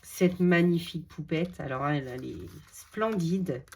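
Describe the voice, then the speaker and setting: A woman's voice: low-pitched, a little slow, a little mellow, slightly rough. A woman with a French accent, chatting casually as she unboxes and shows craft supplies, gushing and full of fillers. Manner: gushing, repeats words, many fillers. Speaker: crafting vlogger showing a haul.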